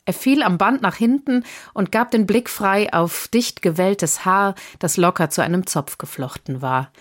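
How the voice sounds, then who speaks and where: A woman narrating a historical novel as an audiobook in a calm, measured way. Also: fairly low pitch.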